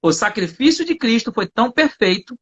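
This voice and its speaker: A man's voice: very high voice, big pitch swings, normal speed, a bit bright, slightly rough. A man with a Brazilian Portuguese accent co-hosting a live English lesson, emphatic and slangy, sometimes preachy. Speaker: English teacher and co-host.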